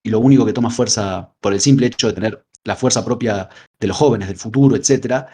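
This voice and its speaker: A man's voice: fairly low pitch, fast talker, mellow, a little hiss or hum. A man with a Rioplatense Spanish accent, co-hosting a casual film discussion podcast, rambling with frequent filler words. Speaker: podcast co-host.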